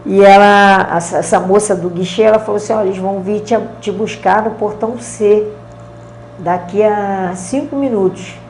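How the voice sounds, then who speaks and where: A woman with a Brazilian Portuguese accent, a karate champion telling stories in a casual interview, acting out the dialogue in slangy, lively speech. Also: mid-range voice, moderate pace, reverberant, a little hiss or hum.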